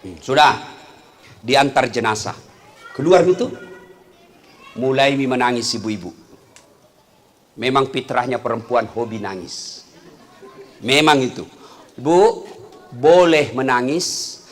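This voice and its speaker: A middle-aged man, preaching a humorous sermon to a congregation, telling stories and swinging between loud calls and low asides. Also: slow, long pauses.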